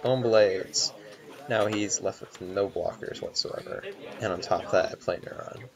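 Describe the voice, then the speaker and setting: A man commentating a card game match in a steady announcer-style delivery. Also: low-pitched, measured pace, gravelly. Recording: crowd chatter behind. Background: chattering crowd.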